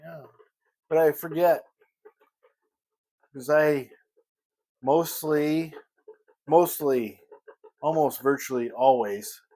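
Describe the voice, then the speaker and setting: A man vlogging a casual morning chat at home, rambling and pausing to search for the right word. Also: medium pitch, mellow. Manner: rambling, pauses to search for words.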